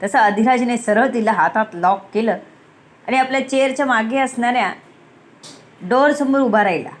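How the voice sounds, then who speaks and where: A woman's voice: a little high, moderate pace. A woman reading a romance story aloud, acting out the characters' dialogue. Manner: acts out the dialogue, switching voices between characters.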